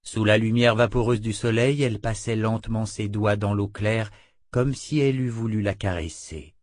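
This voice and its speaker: A man narrating an audiobook in a measured, dramatic reading. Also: fairly low pitch, darkish tone, no room sound, studio quality.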